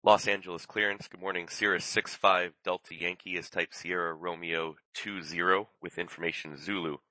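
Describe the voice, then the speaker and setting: Man, pilot, low bright voice, over a pilot headset, radio phraseology, dry sound. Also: fairly even intonation, normal speed, dry recording, low-quality recording.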